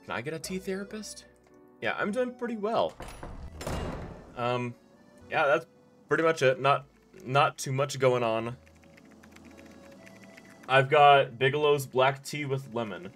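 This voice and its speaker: A man's voice: mid-range voice, animated, unhurried, long pauses, fairly bright tone, faint music behind. A man streaming a game live, chatting in a laid-back, rambling way with many fillers and restarts. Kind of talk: casual live-stream chat while playing.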